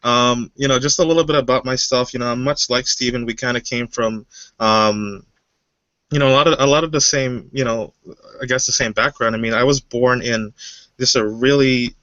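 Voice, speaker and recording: A man's voice: mid-range voice, fairly even intonation, normal speed, sharp tone, no room sound, highs cut off. A man from Guyana, a webinar guest, telling his story casually with many fillers. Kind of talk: personal story.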